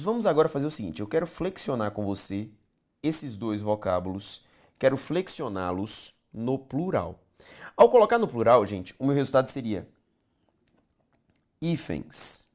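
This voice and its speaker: Lively, emphatic Brazilian male teacher. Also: medium pitch. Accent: Brazilian Portuguese. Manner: emphatic, repeats key points, asks rhetorical questions. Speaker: grammar teacher. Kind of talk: recorded grammar lesson.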